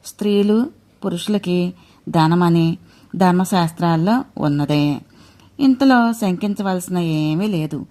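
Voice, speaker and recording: An insistent old Brahmin man, wealthy and sure of himself, lectures in a slow, measured way as he bargains in a mythic tale, put on by a woman storyteller. The voice sits a little low. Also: mellow. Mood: lecturing.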